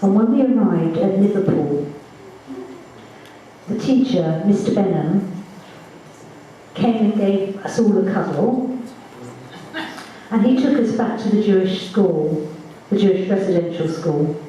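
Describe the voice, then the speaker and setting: A woman giving spoken first-person testimony at a reunion, measured and halting, with small restarts, in a large assembly hall on a distant mic. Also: mid-range voice, animated, dark tone, slight background noise. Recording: echoey hall from far off.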